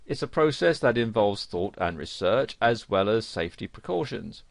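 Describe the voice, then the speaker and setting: A man reading a scripted instructional narration for an online course, with a lively, emphatic delivery. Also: on the low side, normal speed, vocal fry, no echo.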